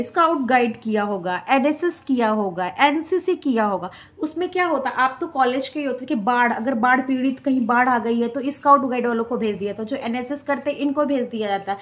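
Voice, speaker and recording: Hindi-speaking woman teacher, lively rhetorical lecture. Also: on the high side, brisk. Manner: mixes English terms into explanations, asks rhetorical questions. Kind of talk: classroom lecture explaining notes.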